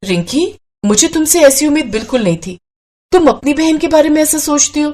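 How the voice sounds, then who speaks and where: A woman voicing a gentle young newlywed wife in a storybook, soft and reasonable. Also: high-pitched, animated, fairly quick, a little hiss or hum, voice pushed up. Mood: reproachful. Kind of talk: storybook character voice.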